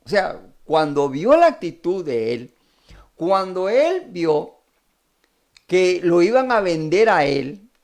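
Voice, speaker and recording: A man's voice: high-pitched, takes it slowly, gravelly. A man with a Costa Rican Spanish accent preaching a sermon, acting out the characters' pleas as he retells a parable. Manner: animated, acts out the characters' pleas.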